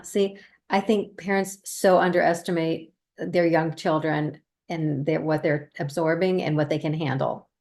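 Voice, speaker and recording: A woman's voice: low-pitched, fairly even intonation, unhurried, vocal fry, a little mellow. A woman hosting a panel discussion, a parent, speaking reflectively and conversationally. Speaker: host, parent.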